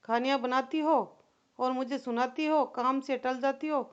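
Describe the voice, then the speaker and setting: A short-tempered, poor mother scolds sharply in a high voice, as a woman storyteller voices her. The recording is dull and lo-fi, like a home-made story. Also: steady tone, moderate pace, close to an everyday voice. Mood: scolding.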